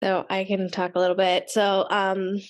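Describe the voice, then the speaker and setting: A woman's voice: medium pitch, completely flat delivery, normal speed. A woman in her thirties from Pakistan, speaking on a panel in a chatty way full of fillers. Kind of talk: panel discussion.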